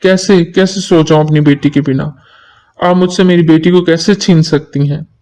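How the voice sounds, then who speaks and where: A man's voice: fairly high pitch, steady tone, normal speed, a little mellow, close to an everyday voice. A man voicing a stubborn, tearful young wife who pleads like a child in a story reading.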